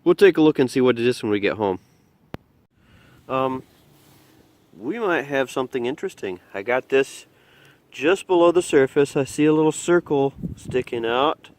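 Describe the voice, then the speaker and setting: A man's voice: medium pitch, lively intonation, normal speed, long pauses, darkish tone. A man vlogging his metal detecting finds, chatting casually and thinking aloud as he digs outdoors in a muddy field. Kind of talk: casual outdoor narration while digging.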